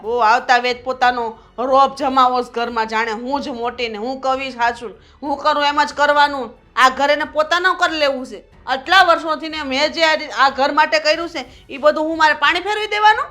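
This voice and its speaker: A woman's voice: high voice, normal speed, sharp tone, soft background music. A woman playing a bossy, scolding mother-in-law. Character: domineering proud mother-in-law, strict and scolding. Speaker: actor in a short film. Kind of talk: family drama acting.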